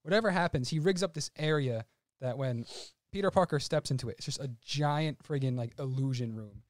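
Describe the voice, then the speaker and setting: A man's voice: mid-range voice, fairly quick, dry recording, studio quality. A man on a movie podcast, describing a film scene loosely with slang and many fillers. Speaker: podcast panelist. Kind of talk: casual movie podcast chat.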